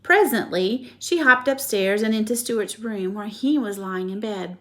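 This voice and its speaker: Woman reading a storybook aloud, expressive, stops to show pictures, mid-pitched voice. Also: measured pace. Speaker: reader of a children's book.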